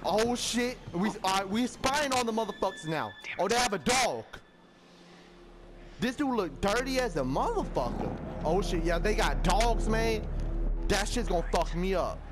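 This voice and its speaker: Excitable, profane man, high and lively. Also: normal speed, noisy background. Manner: profane, excitable, talks to the screen. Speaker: gaming commentator. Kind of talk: let's play commentary. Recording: game music behind.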